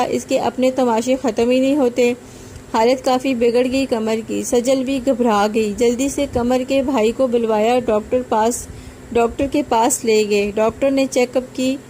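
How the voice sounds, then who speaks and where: ایک عورت سبق آموز کہانی سیدھے سادے انداز میں سناتی ہے۔. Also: female voice, on the high side, mellow, slight background noise, low-quality recording. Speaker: storyteller. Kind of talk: narrated moral storybook.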